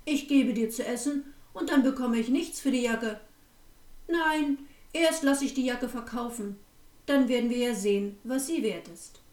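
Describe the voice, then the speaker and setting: A woman voicing a loud, contemptuous male innkeeper in a read-aloud fairy tale. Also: on the high side, fairly quick, few pauses, reverberant, distant mic, close to an everyday voice, poor audio. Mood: scornful. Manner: shouting, mocking.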